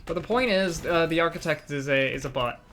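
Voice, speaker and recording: A woman's voice: sits low, brisk, fairly bright tone. A young woman casually commenting on gameplay, reading item text aloud in a chatty, self-mocking way. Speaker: game streamer.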